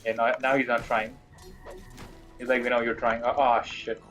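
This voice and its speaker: A bright-voiced man streaming a game, chatting away to his viewers in a loose, rambling way. He talks about his own mistakes with easy self-deprecation, and soft music plays underneath. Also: medium pitch, level tone, normal speed, low-quality recording. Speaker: gaming streamer. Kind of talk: casual live-stream chat while gaming.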